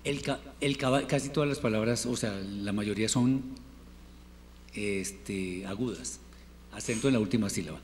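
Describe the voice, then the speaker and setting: A man teaching a Hebrew class, patiently drilling word forms and repeating them slowly for his students. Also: fairly low pitch. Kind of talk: classroom lesson. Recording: reverberant room with faint noise.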